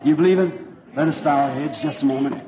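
A man preaching a revival sermon in a fervent, folksy way, pausing for his interpreter. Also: fairly high pitch, mellow, a little hiss or hum. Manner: fervent, folksy, repeats himself. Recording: dull lo-fi old sermon tape.

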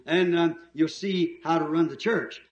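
A man's voice: fairly high pitch, slow, roomy sound, highs cut off. A man preaching a sermon with emphasis, telling the story in a folksy way.

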